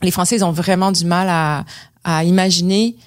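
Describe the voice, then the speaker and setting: A woman with a Quebec French accent chats in an interview, her voice sitting a little low. She wanders off on tangents and keeps restarting her sentences, filling the gaps with hesitations. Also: fairly even intonation, moderate pace. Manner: hesitant, many fillers and restarts, digressive. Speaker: actress and director, guest. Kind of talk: casual interview chat.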